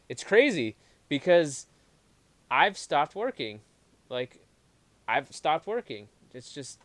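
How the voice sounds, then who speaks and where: Smooth-voiced casual male co-host. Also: medium pitch, a bit bright. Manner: reads viewer comments aloud, talks in restarts. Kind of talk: casual live-stream chat.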